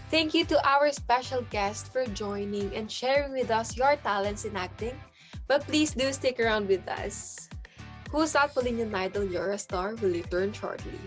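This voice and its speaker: A woman's voice: on the high side, normal speed, faint music behind. Upbeat young Filipino woman host. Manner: upbeat, announcing. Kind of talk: scripted show hosting.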